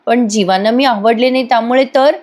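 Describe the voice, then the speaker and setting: A woman's voice: on the high side, a little fast, a little mellow, lightly acted. A woman voicing a shy, self-conscious young wife in a spoken recap of a TV serial. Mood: shy, warm.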